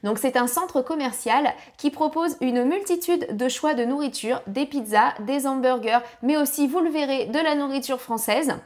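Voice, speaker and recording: A woman's voice: high voice, normal speed, hardly any pauses, a little mellow. A woman narrating a family travel guide with practical tips, now and then apologizing for her English pronunciation.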